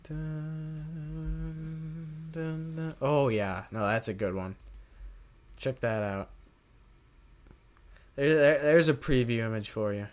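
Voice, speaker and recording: A man on a casual live stream, chatting loosely and directly to his viewers. He rambles in a mid-pitched voice, restarting and correcting his sentences as he goes. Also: animated, slow, long pauses. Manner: rambling, self-correcting, talks straight to viewers. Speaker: livestream host.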